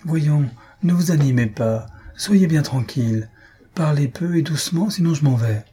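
Georgette, a gentle young nurse, as a man reads her. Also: fairly high pitch, lively intonation, normal speed, breathy edge, voice pushed up. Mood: gently firm. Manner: hushing, softly scolding. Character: young woman nursing her beloved, gentle but firm.

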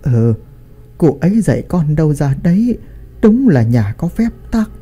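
A man's voice: a little high, sing-song, a little slow, warm tone, slightly rough, faint music behind, heavily acted. A man voicing villagers gossiping admiringly about a strict old family. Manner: whispering gossip. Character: gossiping village folk, mixed.

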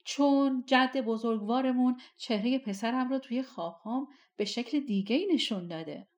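A woman's voice: a little high, voice pushed up, lightly acted. Desperate queen mother, insistent and pleading, voiced by the female reader. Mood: anguished. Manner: pleading, crying out.

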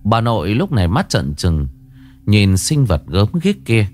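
A man's voice: fairly low pitch, sing-song, measured pace, a little mellow, faint music behind. A man narrating a horror story in a dramatic, ominous way.

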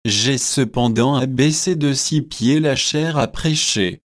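A solemn young clergyman who holds forth at an unhurried pace, read by a man. He sounds pompous and pleased with himself. The sound is dry and close. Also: medium pitch, no room sound, close to an everyday voice. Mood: earnest. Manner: grave, self-satisfied delivery. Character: earnest young male curate, pompous.

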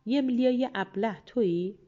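A woman's voice: fairly high pitch, mellow, lo-fi sound, pitched above the performer's own voice, close to an everyday voice. A woman voicing a rude, curt royal officer in a storybook. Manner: curt, bossy.

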